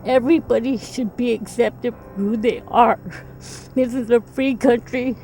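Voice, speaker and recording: A woman's voice: on the high side, fairly even intonation, measured pace, mellow, soft background music. A woman, a mother being interviewed, speaking earnestly and pleadingly, often repeating herself. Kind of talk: emotional interview testimony.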